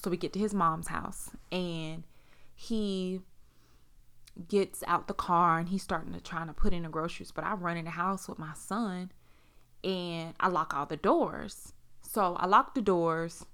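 A woman's voice: fairly low pitch, fairly even intonation, unhurried, fairly bright tone. A woman telling a personal story in a casual, blunt way, swearing heavily and acting out what people said. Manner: blunt, heavy swearing, frequent fillers; acts out dialogue in raised voices. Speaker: storyteller sharing a personal experience.

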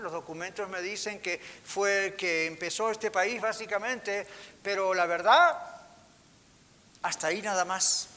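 A man's voice: high-pitched, sharp tone. A man preaching a sermon as pastor, asking the congregation rhetorical questions. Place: church hall. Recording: hall reverb with faint hiss.

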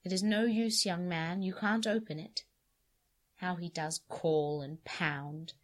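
Expressive low-voiced woman reading aloud. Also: takes it slowly. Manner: expressive, shifting from hushed to cries. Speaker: podcast host and reader. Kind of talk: dramatic reading of a story.

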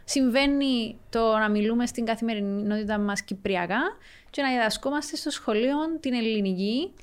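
A woman's voice: on the high side, clear, resonant tone. A woman with a Cypriot Greek accent, conducting a conversational interview. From Cyprus.

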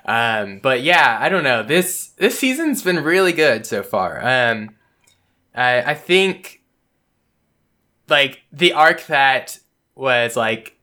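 A young man chatting on a relaxed podcast, easygoing and a little hesitant, peppering his talk with slang. His voice sits mid-range with a bright, sharp edge. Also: medium pitch, slow. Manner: laid-back and hesitant, with slang. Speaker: podcast co-host. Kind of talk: casual chat about anime.

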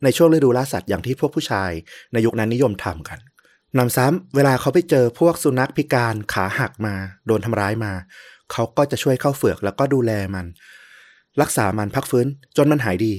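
A man co-hosting a podcast, telling a historical story in a relaxed, chatty way with many fillers. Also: medium pitch, a little fast, dry recording.

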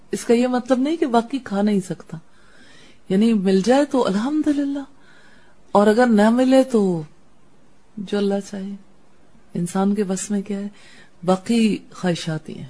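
Mellow-voiced woman teaching a religious class. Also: a little high. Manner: probing questions to students.

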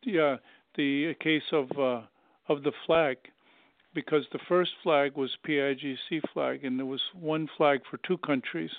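A man's voice: on the high side, steady tone, a little slow, dry recording. An older man, an anthropology professor, talking as a guest in an interview, thoughtful and rambling with many fillers. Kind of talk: conversational interview. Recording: tinny phone-like call audio.

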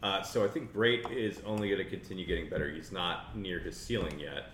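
A man's voice: sits low, a little fast, a bit bright. A man hosting a podcast, talking through football picks in a rambling, chuckling way. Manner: rambling, chuckling, self-interrupting. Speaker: podcast host. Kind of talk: casual sports chat. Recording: echoey room with faint noise.

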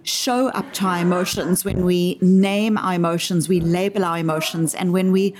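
A woman with a South African accent, answering interview questions in a measured, articulate way and using everyday examples to make her points. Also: on the low side, steady tone, darkish tone. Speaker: interview guest explaining her framework.

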